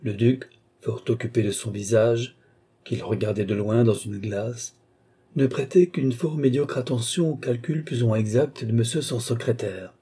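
A man reading a classic novel aloud in a measured, even narration. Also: mid-range voice, husky. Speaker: audiobook narrator. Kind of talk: scripted narration.

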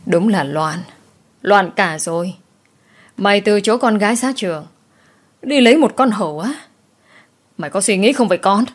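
A woman's voice: medium pitch, normal speed, long pauses, lightly acted. Woman doing a furious old village chief. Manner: harsh scolding, teeth gritted.

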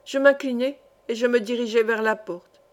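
A woman's voice: fairly high pitch, fairly even intonation, normal speed. A woman narrating a fantasy story for an audiobook, reading steadily.

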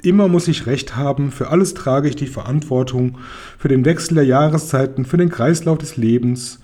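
A man's voice: mid-range voice, lively intonation, a little fast, mellow, breathy edge. A man voicing a pompous, grumpy pharaoh ruler in a children's audiobook, haughty and commanding.

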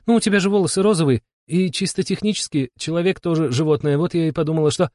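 A man voicing a quirky, gentle young woman who patiently explains trivia. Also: on the high side, fast, dry recording, studio quality, voice pushed up, lightly acted. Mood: earnest explaining. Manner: calm, explaining, pedantic.

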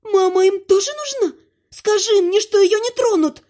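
Upset young queen, whiny high voice near tears, woman doing her. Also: normal speed, mellow. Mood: tearful. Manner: tearful, pleading, high-strung. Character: distraught young queen, wife of a dark lord.

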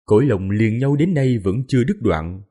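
A man's voice: mid-range voice, animated, moderate pace, warm tone. A man reading a fantasy novel aloud in a dramatic, mournful narration style. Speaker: audiobook narrator. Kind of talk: scripted narration.

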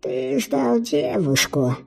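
A man voicing a sly, squeaky, creaking creature messenger in an audiobook, speaking in a slow drawn-out wheedling way. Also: sing-song, exaggerated voice. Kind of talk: audiobook character voice.

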